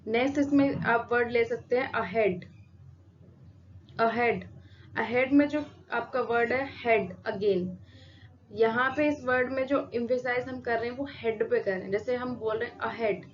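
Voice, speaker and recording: Woman teacher, slow patient lesson, fairly high voice, dull lo-fi audio with faint hiss. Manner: slow, patient, repeats example words. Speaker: English teacher. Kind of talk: explanatory lesson. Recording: dull lo-fi sound with faint noise.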